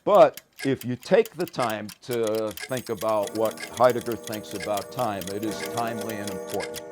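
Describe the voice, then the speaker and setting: A man with a mid-range voice lectures informally in a psychology and philosophy course. He explains ideas in colloquial language with plain everyday examples, often stammering slightly as he begins a phrase.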